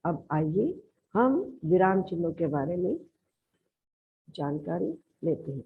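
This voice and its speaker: Woman, teacher, Haryanvi Hindi accent, patient classroom explaining, lowish voice, lo-fi recording. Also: very animated, slow, a little hiss or hum. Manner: explains patiently, calls listeners "beta". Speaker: school teacher. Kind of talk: classroom grammar lesson. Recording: lo-fi, narrow band.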